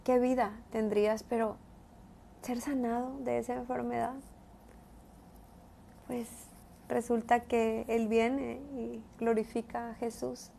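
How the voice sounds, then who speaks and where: A woman's voice: on the high side, little pitch movement, slow, gravelly, long pauses, warm tone, a little hiss or hum. A woman giving a conversational devotional Bible teaching, often adding tag questions as she goes.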